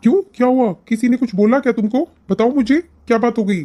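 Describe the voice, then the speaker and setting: A performer doing a kind young cartoon husband who talks quickly in a mid-pitched voice. His manner is eager and reassuring, quick to back up his wife. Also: warm tone, natural voice. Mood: concerned. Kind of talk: cartoon voice acting.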